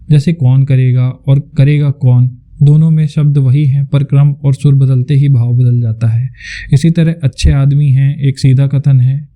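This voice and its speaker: A man narrating a scripted lesson as a teacher, explaining in a clear, measured way. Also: a little high, mellow.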